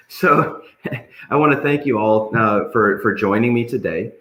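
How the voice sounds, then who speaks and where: A man hosting a casual live panel, joking and somewhat halting as he goes, in a roomy, echoing recording. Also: mid-range voice, fairly bright tone. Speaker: host.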